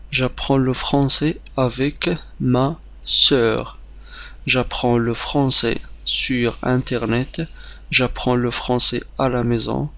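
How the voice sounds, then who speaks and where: A man teaching a beginner language lesson, explaining briskly with some hesitations and repeating example phrases slowly like drills. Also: mid-range voice, creaky, bright, forceful tone, no echo.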